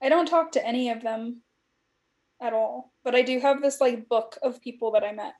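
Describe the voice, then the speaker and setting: A woman's voice: fairly high pitch, moderate pace, darkish tone. A woman in her thirties from California, reflective in casual chat, reading aloud from her old journals and using frequent "like" fillers.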